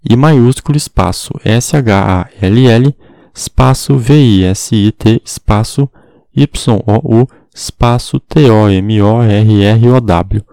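A man's voice: on the low side, slow pace, vocal fry, mellow, dry recording. A man teaching an English lesson in Portuguese, spelling words letter by letter and checking in often with his students. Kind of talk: explanatory online lesson.

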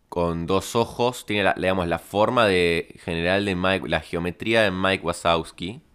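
A man with a Rioplatense Spanish accent telling a rambling comic story in a deadpan way. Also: low voice, clean tone. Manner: deadpan, rambling, absurd tangents. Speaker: podcast host.

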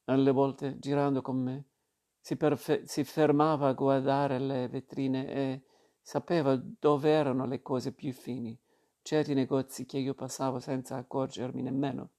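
A man narrating a literary novel in the first person, in a calm and measured way. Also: medium pitch. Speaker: audiobook narrator. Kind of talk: literary audiobook reading.

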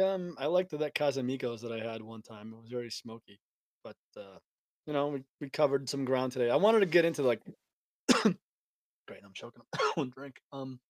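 A man's voice: medium pitch, no echo. Laid-back male podcast host. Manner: relaxed, chuckles often, rambling. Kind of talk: casual chat.

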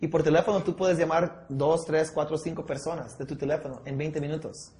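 A man coaching a small group on sales, acting out pitches with a trainee and often dropping English words into his Spanish. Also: fairly even intonation, brisk, a little mellow, slight background noise. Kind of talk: sales training talk with role-play. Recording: echoey room.

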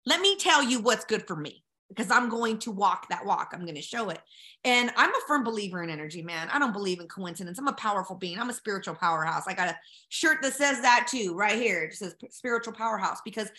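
With a fairly high, pushed and bright voice, a Colorado woman speaks as a podcast guest. She's casual, strongly opinionated, and brash, talking straight with plenty of slang.

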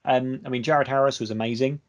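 A man's voice: mid-range voice, fairly even intonation, brisk. A young man from England, hosting a casual film review chat with a rambling, filler-heavy delivery.

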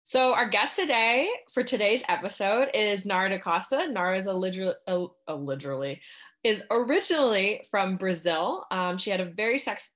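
A young woman hosts a sports podcast, interviewing a guest in a chatty, casual way packed with "um" and "like." Her voice sits on the low side with a slightly bright tone.

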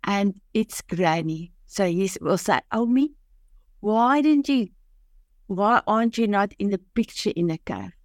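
With a medium-pitched, animated voice and a slightly slow pace, an older South African woman recounts her own story as a guest on a podcast. She is a native Afrikaans speaker with a South African accent, and she often restarts, keeping her phrasing simple, earnest and heartfelt. The audio is studio quality with no echo.

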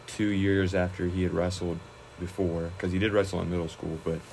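A young man, a high school wrestler, chatting casually in an interview, relaxed and rambling with many fillers and restarts. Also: a little fast, vocal fry, a little hiss or hum, poor audio.

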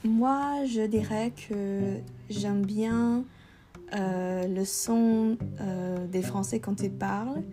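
A young woman from Vancouver, co-hosting a podcast in learner French and pausing often to search for words. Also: medium pitch, steady tone, music in the background. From Vancouver, Canada. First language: English. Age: young adult. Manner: hesitant, many "euh" fillers. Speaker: podcast co-host. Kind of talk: casual chat in learner French.

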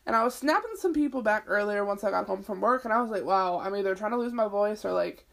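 Her voice is mid-range and gravelly, and she talks quickly: a twenty-something woman chatting on her own podcast. Lots of swearing, lots of "like," plus a sniffle and an itchy throat.

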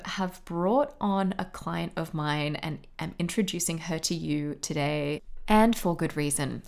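Woman podcast host, kinda low voice, upbeat and salesy, super excited. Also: creaky. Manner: upbeat, enthusiastic, promotional. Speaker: podcast host and film coach. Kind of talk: solo podcast intro and promotion.

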